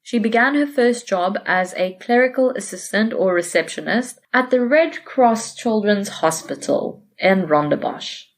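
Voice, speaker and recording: Her voice lands in the mid range, animated but unhurried, with few pauses. As a podcast co-host presenting a true case, she tells it in a casual, conversational way, chatting freely, self-correcting, and laughing readily.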